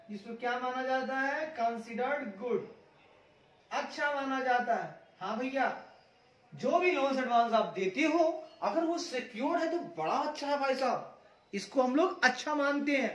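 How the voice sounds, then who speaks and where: A man's voice: extremely high pitch, a bit bright, echoey room, distant mic, rough recording. A male teacher giving an exam-prep lecture, playful, repeating each term and asking and answering his own questions. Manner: playful, repeats terms, sings a jingle, asks and answers himself. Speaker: commerce teacher.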